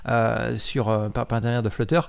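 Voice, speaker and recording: A man, a mobile app developer, talking casually about a software update, hesitant with many filler sounds and self-corrections as he reads and comments. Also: medium pitch, flat delivery, brisk, gravelly, clear, resonant tone. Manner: reads aloud while commenting. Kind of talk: casual explanatory talk.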